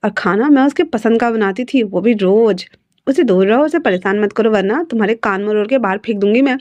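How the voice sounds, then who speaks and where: A woman's voice: mid-range voice, brisk, darkish tone, no echo, highs cut off, close to an everyday voice. A woman voicing an elderly grandmother who sharply scolds and shoos away a troublemaker, in a spoken storybook. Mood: scolding. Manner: scolding, shooing.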